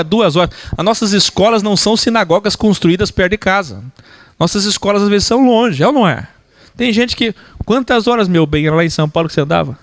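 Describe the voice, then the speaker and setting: A man from Brazil gives an animated lecture to church teachers, now and then mimicking preachers. His voice sits a little high and has a gravelly, fry-tinged edge. The sound is dry and close. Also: no room sound.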